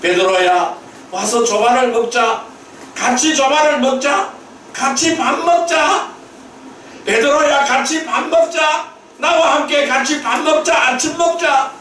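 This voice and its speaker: A man pastor quoting a gentle, forgiving Lord calling a failed disciple, in a tender, slow, inviting voice, recorded in a church sanctuary. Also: very high-pitched, a little hiss or hum, heavily acted. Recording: very echoey hall, mic at a distance.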